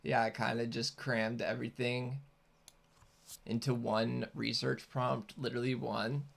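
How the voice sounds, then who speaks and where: A man's voice: mid-range voice, flat delivery, unhurried, gravelly. A man chatting casually and unscripted as a host, rambling and hesitant as he explains things. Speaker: host, content creator.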